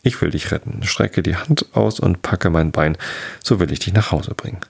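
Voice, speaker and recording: A man's voice: low voice, normal speed, gravelly, breathy edge, exaggerated voice. A man voicing a sly, courteous old gander who leads a flock of wild geese in a storybook tale.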